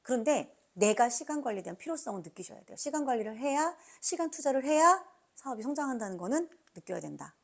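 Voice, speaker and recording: A woman's voice: high voice, sing-song, quick pace, vocal fry. A woman giving a motivational business seminar, emphatic and urging, throwing rhetorical questions at her listeners and acting out quotes. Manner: acts out quoted remarks. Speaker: motivational speaker training business team members.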